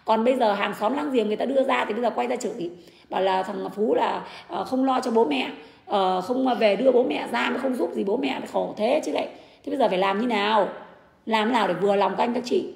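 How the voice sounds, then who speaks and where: An indignant woman rants on a livestream, talking fast in a fairly high, gravelly voice. She answers her critics bluntly and argumentatively, and her voice rings in an echoey room. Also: a little mellow. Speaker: livestreamer defending her husband. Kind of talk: livestream rant.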